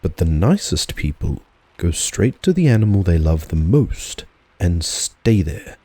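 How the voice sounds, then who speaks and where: An audiobook narrator reads a storybook aloud in a relaxed, unhurried storytelling style. His low, mellow voice has a husky edge, and the recording has no echo.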